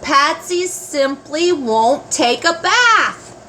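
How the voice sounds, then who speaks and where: A woman's voice: high-pitched, expressive, drawn-out words, sharp tone, slight background noise, pitched above the performer's own voice, full character voice. An older woman voicing an exasperated storybook mother, polite but fed up, in a grandmotherly read-aloud.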